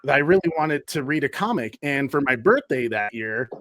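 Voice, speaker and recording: A man's voice: mid-range voice, lively intonation, a little fast, fairly bright tone, no room sound, studio quality. A man in his thirties, a podcast guest, telling stories in a rambling, easygoing way with many fillers. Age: 30s. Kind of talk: casual chat.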